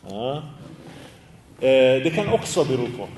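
A man's voice: mid-range voice, sing-song, a little mellow, recorded from a distance. A man gives a religious lesson to a class, often asking them questions and slipping into a sung, chanting tone for Arabic quotations. He is recorded from some way off, so his voice rings in a roomy hall with long reverb. Faint room noise sits behind him. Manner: recites Arabic phrases in a sung tone. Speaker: Islamic teacher.

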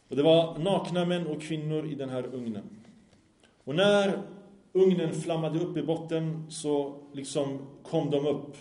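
A man delivers a religious lecture as a story, explaining each detail and pausing to check his listeners are with him. His voice is mellow and relaxed. The recording has a noticeable room echo. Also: a little high.

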